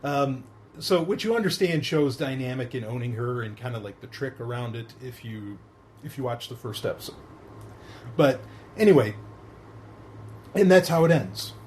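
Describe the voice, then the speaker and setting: A man's voice: mid-range voice, expressive, normal speed, pauses often, darkish tone, slight background noise. Rambling male podcast host. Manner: rambling, many fillers and restarts, laughs often. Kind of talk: casual podcast chat.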